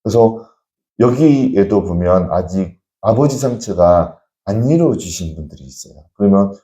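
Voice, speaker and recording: Male pastor, sermon; expressive swinging delivery, exhorting the congregation. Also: low-pitched, moderate pace, reverberant. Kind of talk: sermon at an evening prayer meeting. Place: church.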